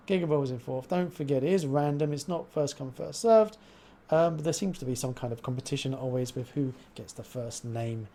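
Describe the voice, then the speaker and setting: A male livestream host chats casually in a mellow voice with very animated pitch. He has trouble with his R's, which sound like W's, and keeps up an informal, chatty style. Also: husky. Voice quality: cannot pronounce R's, says w for r.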